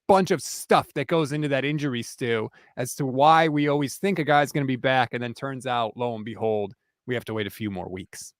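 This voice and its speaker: A man talking as a podcast guest in casual sports chat, animated as he tells stories and mimics coaches. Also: medium pitch, brisk, few pauses, no room sound, clean studio sound. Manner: animated storytelling, quotes coaches in their tone. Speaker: podcast guest, team beat writer.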